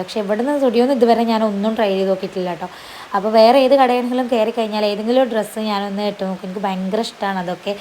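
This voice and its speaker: Woman vlogger, rapid chatty voice-over, slightly strained voice. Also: mid-range voice, darkish tone, slight background noise. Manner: chatty, sprinkles tag particles, talks fast. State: voice strained after losing it. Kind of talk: voice-over narration of a shopping vlog.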